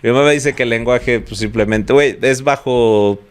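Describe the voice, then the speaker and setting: A man's voice: mid-range voice, moderate pace, clean tone. Easygoing Mexican man, slangy podcast co-host. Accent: Mexican Spanish. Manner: relaxed, slangy, says he talks posh. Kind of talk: casual chat.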